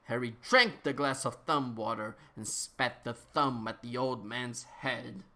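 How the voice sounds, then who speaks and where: In a mid-pitched voice, a man narrates an absurd story as a comic dramatic reading, drawing out phrases with mock solemnity. His pace is measured and his tone bright and forceful.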